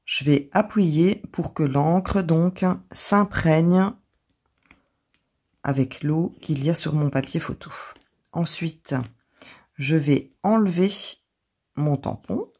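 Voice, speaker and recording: A woman with an accent of her own in French, calmly talking through a craft tutorial step by step as the channel's host. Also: deep voice, slow, long pauses, slightly rough. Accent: non-native or regional French accent. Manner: calm step-by-step explaining.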